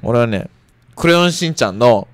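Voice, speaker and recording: A man's voice: medium pitch, animated, moderate pace, dry recording. A man hosting a radio show, chatting casually and laughing at his own mistakes. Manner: laid-back, self-mocking, laughs often. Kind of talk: casual chat. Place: radio studio.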